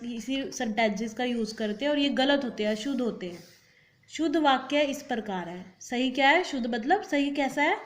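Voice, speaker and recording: A woman teacher giving a recorded grammar lesson. She asks questions and answers them herself, reads example sentences slowly, and mixes in English words. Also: high voice, echoey room. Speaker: school teacher.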